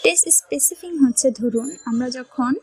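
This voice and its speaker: A woman with a Bangladeshi Bengali accent walks through a software lesson step by step. Her voice is fairly high and a little husky, recorded close and dry. She keeps checking in with the viewer as she explains. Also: brisk, no echo, rough recording. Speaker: computer tutorial teacher. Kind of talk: screen-recorded software tutorial.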